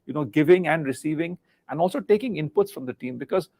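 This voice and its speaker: Middle-aged guy from india, rapid and gravelly, earnest, keeps restarting words. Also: a little high, expressive, darkish tone. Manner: fast, earnest, repeats words as he searches. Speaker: guest, former senior business leader. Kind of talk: live interview on leadership.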